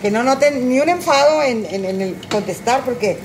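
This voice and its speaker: A middle-aged woman with a Mexican Spanish accent chats on a phone livestream while she cooks in her kitchen, tipsy and high. She rambles through crude, joking stories in a voice pitched a little high. There is a faint hiss behind her. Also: lively intonation, moderate pace. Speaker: cooking livestream host. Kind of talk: casual livestream chat while cooking.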